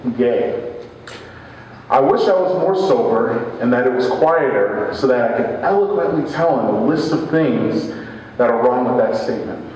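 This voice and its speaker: A man's voice: medium pitch, animated, moderate pace, a little mellow. Man reading a story expressively in a hall. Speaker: reader at a live storytelling event. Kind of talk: reading a first-person story aloud. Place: live event venue. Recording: echoey hall, distant mic, faint hum.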